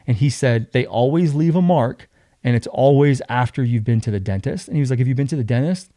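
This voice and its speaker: Animated man telling a wild story. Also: mid-range voice, brisk, dry recording, clean studio sound. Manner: animated, acts out other people's lines. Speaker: podcast guest. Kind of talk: casual storytelling.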